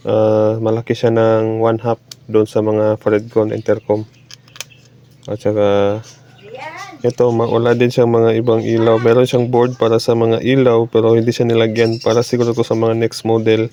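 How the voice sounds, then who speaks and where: A Filipino-accented repair technician casually demonstrates a fix, narrating haltingly in Tagalog with English technical terms mixed in. His voice is warm and medium-pitched. The audio is dull and lo-fi, with faint background noise.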